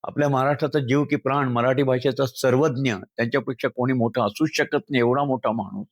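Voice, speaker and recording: A man's voice: mid-range voice, fairly even intonation, fairly quick, no echo. Man from Maharashtra, heartfelt social-media talk with poem reading, earnest and emotional, dry recording. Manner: earnest, emotional, speaks directly to listeners as friends. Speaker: speaker addressing social media followers.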